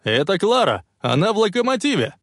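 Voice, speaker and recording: A man voicing an eccentric older scientist who shouts urgent encouragement. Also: sits high, big pitch swings, fairly quick, no room sound, studio quality, pitched above the performer's own voice, full character voice. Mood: urgent encouraging.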